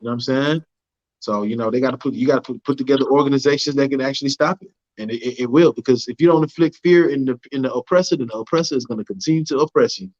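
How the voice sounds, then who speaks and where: A relaxed man hosts a casual livestream in a mid-range voice, reading viewer comments aloud and checking in with his listeners. The stream audio sounds a little dull and lo-fi. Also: medium pitch, very fast. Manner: laid-back, keeps asking "you know what I'm saying". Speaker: livestream host.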